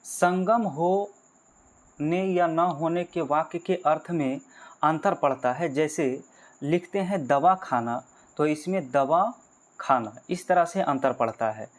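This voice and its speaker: A man with a fairly high voice teaches a grammar lesson for exam candidates. He goes through each point step by step, puts questions to his listeners and then answers them himself. He calls the viewers friends. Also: takes it slowly. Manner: explains step by step, repeats key points, asks and answers his own questions.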